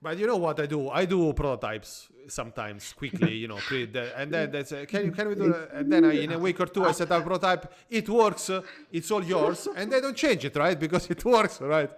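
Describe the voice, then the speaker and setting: A man's voice: on the high side, fairly quick, hardly any pauses. Italian-accented man hosting a casual podcast. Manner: jokey, animated, trails off into quiet asides. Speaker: podcast host. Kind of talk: casual interview chat.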